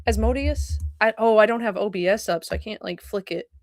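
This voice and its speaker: Streaming from home, a young woman rambles casually and swears, breaking off mid-thought to apologize. Her mid-range voice moves fairly quickly, and the studio-clean recording has no echo.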